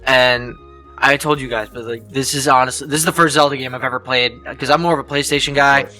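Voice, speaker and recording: A man's voice: mid-range voice, fairly even intonation, fast talker, pushed and bright, soft background music. A man co-hosting a casual chat, enthusiastic and prone to repeating words. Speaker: co-host.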